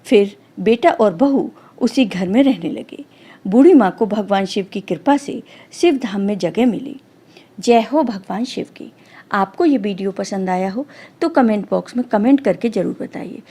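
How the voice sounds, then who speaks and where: Woman, devotional storyteller, warm dark tone, slightly husky, calm even read. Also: mid-range voice, normal speed.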